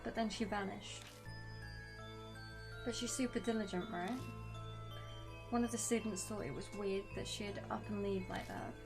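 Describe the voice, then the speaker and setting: A woman with a mid-range voice and fairly even intonation speaks at a moderate pace, pausing often. She's a game streamer reading a visual novel aloud and breaking off to react casually between lines, with game music playing behind her voice.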